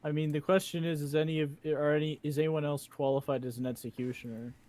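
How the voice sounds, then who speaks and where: A man's voice: fairly high pitch, level tone, fast talker, a little mellow. A man chatting casually as a tabletop game player, explaining and arguing his points.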